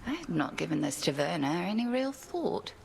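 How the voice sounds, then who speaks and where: An actress voicing a stern ancient witch goddess in a video game, speaking in a formal, measured and reserved way. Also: fairly low pitch, very animated, vocal fry, noisy background.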